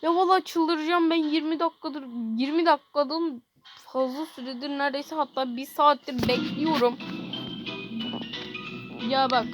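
A young woman with a high voice talks over her gameplay, exasperated and swearing as she pleads with the game. Game music plays clearly behind her, and her complaints swing between loud outbursts and muttering. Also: fairly even intonation, moderate pace, rough recording. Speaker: gamer. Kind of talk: casual gameplay commentary.

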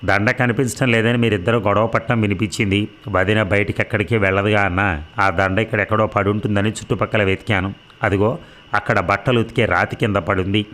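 A man reading the lines of a quiet, respectful young man speaking to his elder brother, in a low voice. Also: steady tone, brisk, close to an everyday voice. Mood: calm, respectful.

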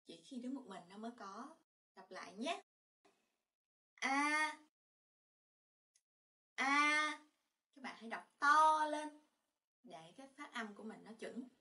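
A woman teaching a language lesson, calmly explaining and repeating each sound loudly for learners to follow. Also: fairly high pitch, moderate pace, recorded from a distance. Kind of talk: slow, clear lesson narration.

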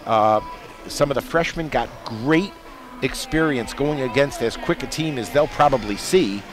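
A man giving color commentary after a basketball game, folksy and animated in his analysis. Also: medium pitch, normal speed, music in the background. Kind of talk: postgame sports analysis. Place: basketball arena broadcast booth.

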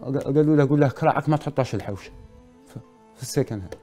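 A man's voice: mid-range voice, rapid-fire, mellow, soft background music. A middle-aged man with an Algerian accent, a talk show guest recounting a personal grievance in clipped, repetitive, stumbling phrases. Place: TV studio.

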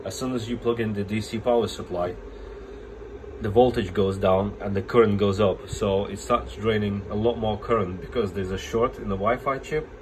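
This male repair tech has a low voice and sounds stuffed up from a cold as he plainly explains a bench test in a casual hands-on demo, restarting now and then. His intonation stays fairly even at a moderate pace, and room noise carries at the indoor workbench, where a phone camera is held over the bench.

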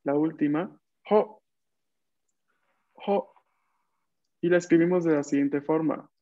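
A man's voice: on the high side, slow, dark tone, dry recording, lo-fi sound. A man teaching a Japanese class online, patiently counting out strokes as he writes.

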